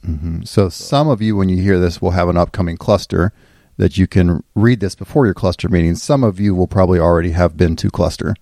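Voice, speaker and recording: Deep-voiced man hosting a casual podcast. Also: a little fast, vocal fry, warm tone, no room sound, clean studio sound. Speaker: podcast host.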